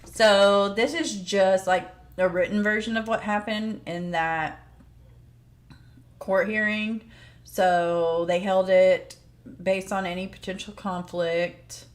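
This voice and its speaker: A woman's voice: mid-range voice, steady tone, slow. A woman giving informal, plain-spoken commentary as she explains court news like a true crime host.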